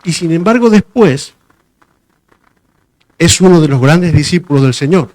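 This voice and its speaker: A man with a fairly high voice preaches a sermon in a loose, conversational manner. He often repeats himself and pauses to hunt for the right word. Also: expressive, darkish tone. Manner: conversational, repeats phrases and searches for words.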